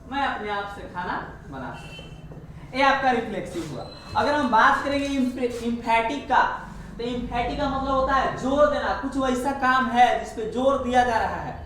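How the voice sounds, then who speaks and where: A man teaching an English grammar lesson, explaining step by step and repeating each example slowly. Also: very high voice, pushed and bright. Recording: echoey room, far from the mic, faint hiss.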